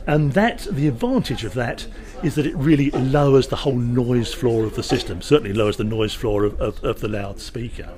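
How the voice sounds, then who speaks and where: A brisk, medium-pitched voice with a darkish tone comes from a company rep giving a casual product rundown at a trade show, full of emphatic salesman's patter and wry asides.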